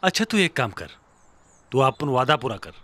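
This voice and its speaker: An actor playing a jovial, scheming gangster boss with a Bhojpuri accent, coaxing and laughing. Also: male voice, medium pitch, very animated, moderate pace, a bit bright, no room sound. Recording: film soundtrack with background music.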